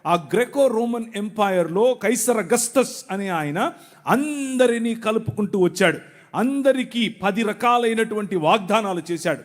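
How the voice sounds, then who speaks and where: A man with a notably high voice delivers a sermon to thousands in a large venue. He moves between playful banter with the crowd and careful, teacherly explanation. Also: lively intonation, normal speed. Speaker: preacher. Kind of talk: sermon to a live audience.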